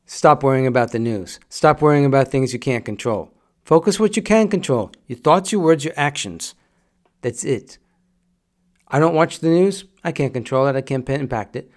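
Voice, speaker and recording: A man's voice: medium pitch, expressive, normal speed. A middle-aged man hosting a podcast, giving a direct, repetitive motivational monologue in a coaching tone. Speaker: podcast host.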